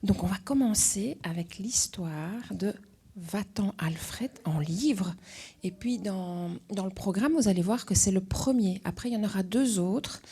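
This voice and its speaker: A woman's voice: medium pitch, slightly rough. A woman with a Belgian accent, an author reading her picture book aloud to young children. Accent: Belgian French. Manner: slow, gentle reading with voiced characters.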